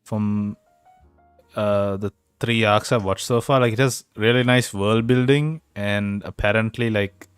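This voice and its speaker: A man's voice: on the low side, fairly even intonation, unhurried, smooth, dry recording, faint music behind. A young man co-hosting a podcast, chatting casually and joking, rambling with many fillers over a home mic that sometimes cuts out. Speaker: podcast co-host. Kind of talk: casual chat. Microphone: home mic over a voice call, sometimes cutting out.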